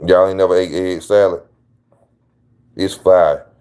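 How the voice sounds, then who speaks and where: A man's voice: deep voice, flat delivery, a little slow, darkish tone, clear, resonant tone. A man hosting his own channel, giving casual opinion commentary in a slangy, emphatic way that repeats his points. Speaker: channel host.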